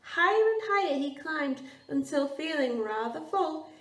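Teacher lady reading a kids story, high voice, slow, echoey room. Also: lively intonation, a bit bright, far from the mic. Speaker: primary school teacher. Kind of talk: storybook read-aloud for children. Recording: roomy echo, off-mic.

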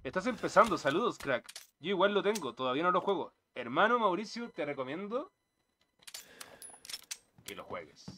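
Congested man, lively jumpy gameplay talk. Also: high-pitched, normal speed, long pauses. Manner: jumpy, exclaiming at scares. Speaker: gameplay host. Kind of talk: casual let's-play commentary. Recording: loud background noise, game sounds.

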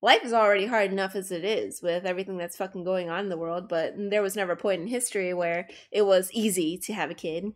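A woman's voice: medium pitch, fairly even intonation, quick pace, few pauses. A young adult woman streaming while she draws, chatting frankly and casually, swearing freely and laughing often. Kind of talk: casual chat while drawing.

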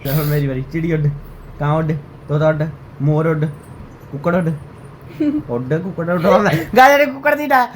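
A man's voice: on the high side, expressive, brisk, pauses often. A man hosting a casual vlog, addressing viewers and bickering playfully in a teasing way. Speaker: vlog host. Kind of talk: casual chat to viewers and game banter. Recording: background noise, home ambience.

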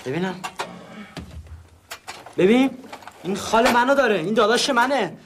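A guileless oddball in a TV comedy who states absurd plans in a plain, earnest way. The voice is high for a man, with a faint hiss in the background. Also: animated. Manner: earnest, simple, matter-of-fact. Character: naive oddball man, guileless, full of silly ideas. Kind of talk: sitcom acting.

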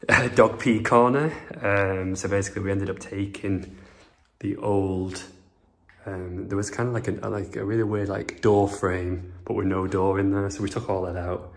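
With a deep voice and steady tone, a man in his twenties moves at a moderate pace through a chatty house-tour vlog that rambles and leans on fillers. He works as a property renovation vlogger and is indoors at an empty house under renovation. His phone camera is handheld before being propped up, and the bare rooms echo.

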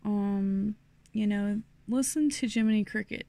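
A woman's voice: mid-range voice, unhurried, warm tone, dry recording. A middle-aged woman from New Mexico giving a rambling, casual tarot reading full of fillers and restarts. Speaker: tarot reader.

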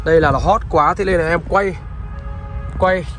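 A man's voice: fairly high pitch, normal speed, a bit bright, faint music behind. A man narrating a used car sales walkaround, in a dealer's patter that keeps politely addressing the viewers. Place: outdoors beside and inside a car on a roadside.

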